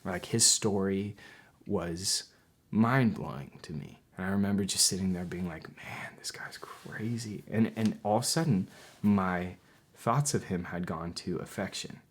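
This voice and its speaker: A young man talks casually with a slightly low voice, packing his speech with fillers and restarts. He tells stories animatedly, playing out what people said. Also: moderate pace. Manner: animated storyteller, acts out quotes loudly; filler-heavy, many restarts. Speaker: podcast guest. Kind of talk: casual conversation.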